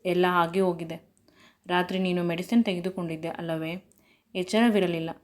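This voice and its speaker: Woman doing a clingy possessive young guy, teasing and pushy, lowish voice, storybook style. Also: level tone, moderate pace, lightly acted.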